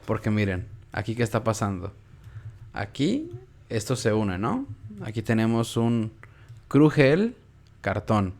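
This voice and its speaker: A man's voice: fairly low pitch, measured pace. Mexican man teaching a casual class. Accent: Mexican Spanish. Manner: relaxed, explanatory, repeats words aloud to show stress.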